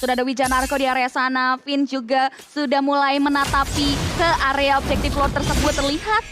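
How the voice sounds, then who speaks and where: A woman with an Indonesian accent giving energetic, dramatic esports commentary in elaborate phrases. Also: high voice, brisk. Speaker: esports caster. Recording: loud music under broadcast commentary.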